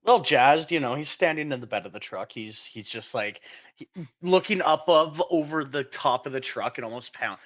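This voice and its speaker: A man playing in a tabletop game, excitable and stumbling over his words. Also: mid-range voice, moderate pace, dull audio. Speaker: player. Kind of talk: casual tabletop game chat.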